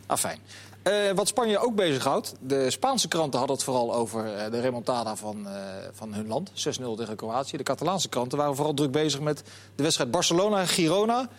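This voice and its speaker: Fast-talking man telling football stories. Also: medium pitch. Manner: animated storyteller, lively anecdotes. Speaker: show presenter. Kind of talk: casual football talk show chat.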